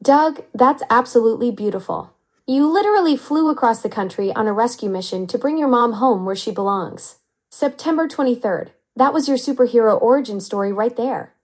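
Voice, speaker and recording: Synthetic woman's voice, AI assistant, slightly high, upbeat, flattering, smooth. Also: a little fast. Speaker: AI chat assistant. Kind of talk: conversational AI reply.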